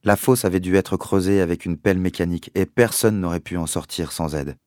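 A man reading a novel aloud in the first person, measured and expressive. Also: low-pitched, no echo, studio quality. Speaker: audiobook narrator. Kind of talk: scripted narration of a novel.

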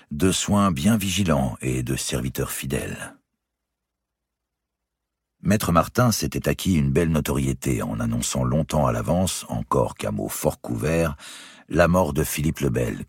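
A man with a husky voice reading a historical novel aloud in a steady, composed way. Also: rumbling low, dry recording, clean studio sound. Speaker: audiobook reader. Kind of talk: scripted narration of a historical novel.

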